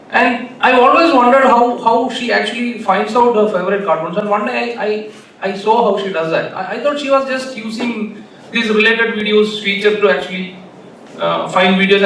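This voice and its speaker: Male conference speaker, Malayalam accent, bright high-set voice, halting informal delivery with repeated phrases. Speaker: keynote speaker. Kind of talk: informal conference talk with anecdotes. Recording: echoey hall, distant mic, faint noise.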